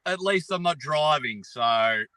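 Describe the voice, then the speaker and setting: A man's voice: fairly high pitch, expressive, a little slow, bright, forceful tone, clear, resonant tone, dry recording. An Australian man with a blocked-nose sound, chatting casually from a car in a blunt, sweary, joking way. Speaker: guest, arm wrestling personality. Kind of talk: casual chat on a live stream. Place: sitting in a car.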